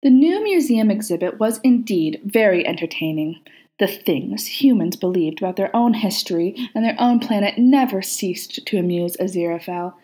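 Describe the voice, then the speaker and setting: A woman narrating a story aloud in a calm, even storytelling manner. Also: medium pitch. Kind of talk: reading fan fiction aloud.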